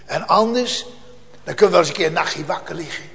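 A man preaching a solemn sermon, slow and earnest, rising at times to loud emotional cries. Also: on the high side, animated, gravelly, breathy edge. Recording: long church reverb.

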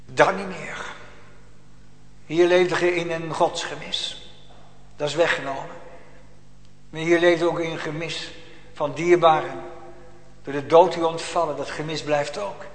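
A man preaching a sermon in a church, swinging from hushed tones to loud, emphatic lines. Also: fairly high pitch, steady tone, a little slow, pauses often. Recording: echoey church hall.

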